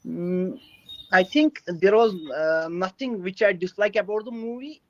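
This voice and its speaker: In an English practice conversation, a young adult Kashmiri learner with a Kashmiri Indian accent speaks in a halting, hesitant way. His voice sits high, and the dry recording sounds dull.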